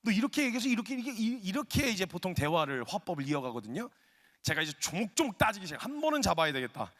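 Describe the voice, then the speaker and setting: Animated high-voiced male preacher. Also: fast talker. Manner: animated storyteller, acts out quotes. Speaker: missionary preacher. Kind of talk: story-driven sermon with humor. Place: worship gathering hall. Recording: long hall reverb.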